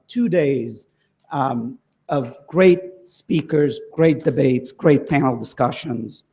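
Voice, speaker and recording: A man giving a conference closing talk, with many ums and uhs. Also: fairly high pitch. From Lebanon. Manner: hesitant, frequent ums and uhs. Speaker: conference speaker.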